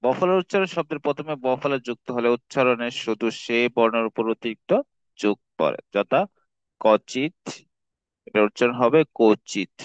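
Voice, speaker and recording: A man tutoring a grammar lesson, reading rules aloud and slowly repeating each example word. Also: medium pitch, clear, resonant tone, no echo, muffled recording. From Bangladesh.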